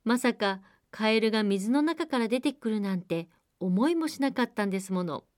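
A woman's voice: a little high, animated, normal speed, darkish tone, dry recording, clean studio sound, lightly acted. Storybook princess, young and spoiled, dismissive tone, read by a woman. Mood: flustered. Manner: haughty, dismissive, fretful. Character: spoiled young princess, haughty then flustered.

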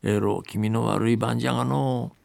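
A man doing a gruff old country grandpa. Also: medium pitch, steady tone, a little fast, a little mellow, no echo. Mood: uneasy. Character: old male charcoal burner, rustic.

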